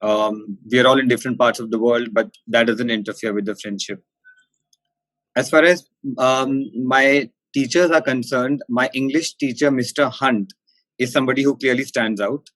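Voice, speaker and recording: Interview guest: male, posh Indian accent, formal and articulate, pausing to think, very dry close sound. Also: medium pitch, fairly bright tone, no room sound, low-quality recording. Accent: posh educated Indian. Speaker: interview guest, company managing director. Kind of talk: interview answers, considered and explanatory.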